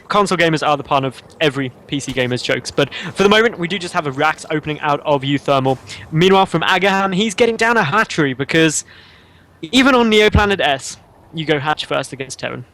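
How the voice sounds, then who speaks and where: A man's voice: on the high side, expressive, fairly quick, a bit bright. A man casting a video game match, teasing his partner and explaining each player's build. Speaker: esports caster. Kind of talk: casual game commentary.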